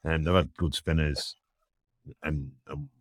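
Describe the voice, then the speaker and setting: A man with an extremely deep voice, captured dry. He gives casual sports analysis as a podcast co-host, understated and a little hesitant, keeping his voice quiet. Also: steady tone, slow, no room sound. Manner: speaks quietly at home late at night.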